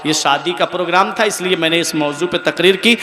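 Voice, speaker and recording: A man preaching a sermon at a wedding gathering. He tells a story and asks rhetorical questions, and his delivery rises to forceful exhortation. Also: fairly high pitch, fairly quick. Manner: impassioned, rising to forceful exhortation. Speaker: Islamic preacher. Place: wedding gathering on a public address system. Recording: long reverberant hall sound with crowd noise.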